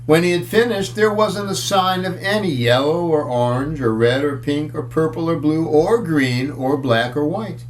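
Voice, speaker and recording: A man reading a children's picture book aloud in a storytelling style, with chatty asides to his listeners. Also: a little high. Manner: chatty, pauses to comment on pictures and question listeners.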